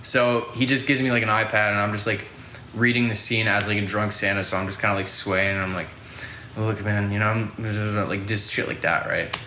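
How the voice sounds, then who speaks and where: A man's voice: lowish voice, fairly even intonation, fairly quick, pushed and bright, reverberant, a little hiss or hum. A young man hosting a podcast, telling a casual story in a rambling way, full of fillers and swearing. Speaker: podcast host.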